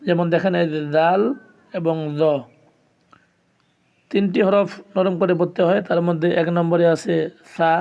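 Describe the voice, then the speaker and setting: Teaching the Arabic letters as a Quran lesson, this man speaks in a high, flat voice, unhurried and pausing often. He carefully pronounces every letter and says it again so learners can follow along slowly. The highs in the audio are cut off.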